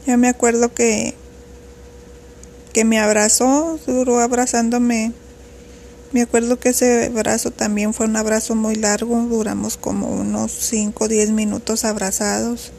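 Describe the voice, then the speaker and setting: A woman's voice: fairly high pitch, little pitch movement, a little slow, vocal fry, a little mellow, a little hiss or hum. A woman, telling a personal story in an earnest, reflective way. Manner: earnest, reflective, recounting at length.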